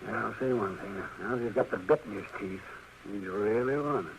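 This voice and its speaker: An actor playing a testy, stubborn older American frontier doctor, crotchety and blustering, in an old-time radio western. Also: male voice, on the low side, moderate pace, creaky. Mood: resigned muttering. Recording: very noisy old radio recording.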